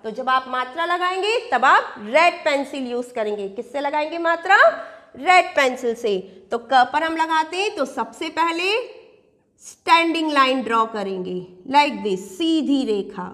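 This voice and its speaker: Slow-talking teacher lady quizzing kids, long echo in the room. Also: sits high, animated, fairly bright tone. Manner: sing-song rhymes and call-and-response questions to kids. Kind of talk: children's Hindi lesson. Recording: echoey room with long reverb.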